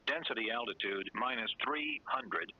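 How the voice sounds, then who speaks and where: A man's voice: mid-range voice, normal speed, muffled recording. A robotic synthesized male voice reading an automated weather report in a clipped, mechanical way, heard over an aircraft radio. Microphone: heard through a cockpit radio and headset.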